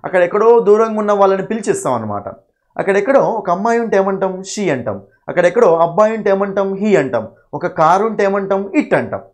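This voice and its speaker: A man's voice: high voice, big pitch swings, quick pace. A man with a Telugu accent teaching English grammar in a classroom lecture, asking his students questions and then answering them himself, with a lot of repetition.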